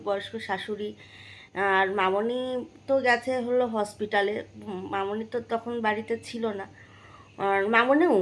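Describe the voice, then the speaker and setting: A woman's voice: mid-range voice, poor audio. Chatty young woman vlogging. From West Bengal, India. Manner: chatty, many fillers and restarts. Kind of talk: casual chat to viewers.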